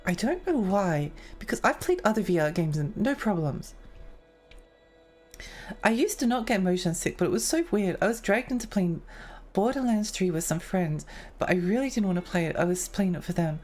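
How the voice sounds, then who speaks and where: A young woman livestreams and reads her chat aloud, rambling and giggling in an animated way at normal speed. Her mid-range, darkish voice sounds a little worn, as if she's losing it, and soft music plays behind her.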